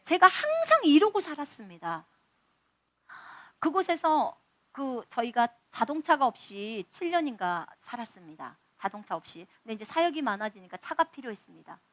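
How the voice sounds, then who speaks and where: A woman missionary giving a testimony sermon, her high voice leaping up and down as she tells her stories. She acts out each conversation with animation, close to the mic in a dry, dead room. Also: normal speed, dry recording. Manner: animated storytelling, acting out dialogue. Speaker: missionary preacher.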